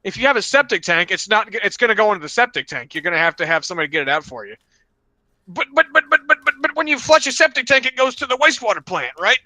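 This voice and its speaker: A man's voice: sits high, sing-song, fast, bright, forceful tone, dry recording, full character voice. A man voicing a rambling, stammering middle-aged caller with a who keeps repeating his words. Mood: frantic, rambling. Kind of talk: comic impression in a podcast story.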